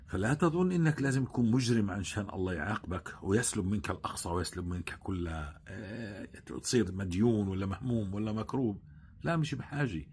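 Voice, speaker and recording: A man delivers a sermon in a husky, somewhat low voice. He talks in an earnest, pleading way and at times presses his points hard. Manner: earnest, pleading, rises to forceful emphasis. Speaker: preacher. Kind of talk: religious exhortation.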